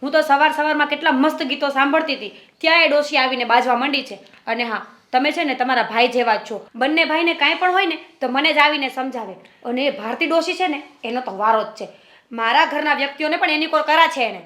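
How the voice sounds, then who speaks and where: A young woman acting a touchy, sharp-tongued sister-in-law who defends her fight with a neighbour, in a family drama. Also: sits high, fairly quick. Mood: defensive. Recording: roomy echo.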